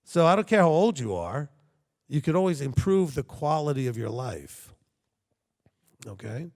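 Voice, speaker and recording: A man leads his congregation in a sermon, his voice high-leaning, very animated and darkish in tone, at a moderate pace with a long reverb tail. He speaks conversationally, checking in with frequent rhetorical questions.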